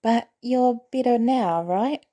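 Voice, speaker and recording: In an audio story, a woman voices an eager, stubborn teenage boy who blurts out questions with cheeky, excitable curiosity in a high pitch. Here she takes it slowly, sounding concerned and earnest.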